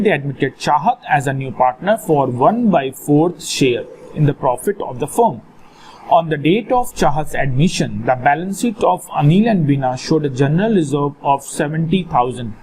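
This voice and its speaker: A man's voice: on the high side, darkish tone. A man with a North Indian accent teaching accountancy, repeating phrases and putting questions to his student with Hindi words mixed in. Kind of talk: instructional lesson with call-and-response questions. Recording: clearly noisy background.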